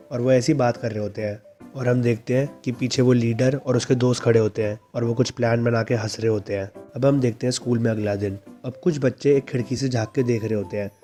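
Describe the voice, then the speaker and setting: A man narrating a story recap in a casual, steady retelling. His voice is mellow and dark, mid-pitched, with faint music playing underneath.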